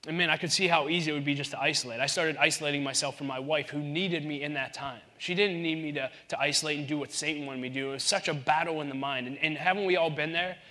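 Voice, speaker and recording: Bright-voiced animated male preacher. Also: fairly high pitch, fast, hardly any pauses. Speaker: pastor. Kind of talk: sermon.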